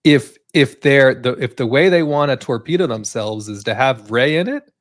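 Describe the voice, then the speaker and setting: Male co-host, mid-pitched, rambling commentary with lots of fillers. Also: moderate pace, no room sound, studio quality. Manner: rambling, many fillers and tag questions. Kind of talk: live entertainment news chat.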